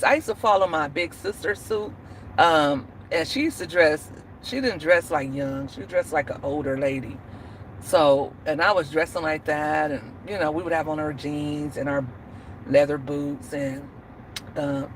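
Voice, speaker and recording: A woman in her forties hosts a casual livestream chat, laughing often and addressing viewers by name. Her voice is low-pitched, and the rough recording carries slight background noise.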